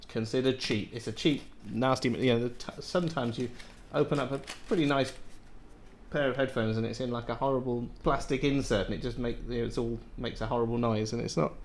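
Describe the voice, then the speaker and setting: A man's voice: mid-range voice, a little hiss or hum. A man in his thirties from Wales, reviewing headphones in a rambling, chatty way in a home office. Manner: rambling, chatty, self-interrupting with laughs. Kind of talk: casual product review. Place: home office with window and plants.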